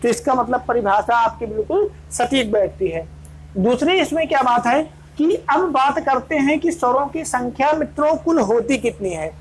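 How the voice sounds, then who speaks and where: A woman's voice: sits high, normal speed, husky, poor audio. Teacher woman asking rhetorical questions. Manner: asks rhetorical questions and answers them, repeats points; addresses students as friends. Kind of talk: exam-prep grammar lesson.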